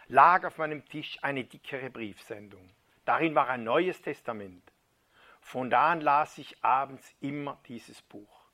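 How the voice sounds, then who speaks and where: A man preaches by retelling a first-person conversion story as a dramatic reading, his slightly high voice sinking to a hushed near-whisper at key moments.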